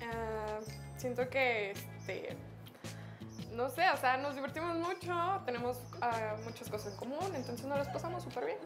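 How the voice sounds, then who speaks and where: A woman's voice: high voice, expressive, a little slow, music in the background. A young woman contestant talking about a date in a giggly, hesitant way full of fillers. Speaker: dating show contestant. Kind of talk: interview chat.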